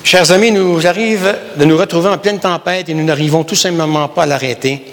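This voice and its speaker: Québécois pastor preaching emphatically. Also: male voice, on the high side, brisk, in a large hall. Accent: Québécois French. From Canada. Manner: emphatic, repeats phrases, addresses listeners as brothers and sisters. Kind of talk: sermon.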